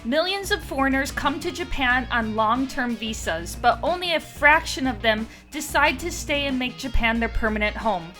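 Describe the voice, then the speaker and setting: A woman's voice: sits high, lively intonation, normal speed, few pauses, bright, forceful tone, soft background music. A woman giving a scripted introduction to the video in an upbeat presenter style. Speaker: video narrator. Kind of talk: scripted narration.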